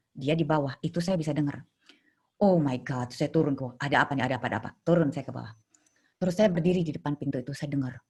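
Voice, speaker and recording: A woman's voice: low voice, slightly rough. A middle-aged woman, a child therapist, telling stories in a casual interview and acting out scenes with sound effects.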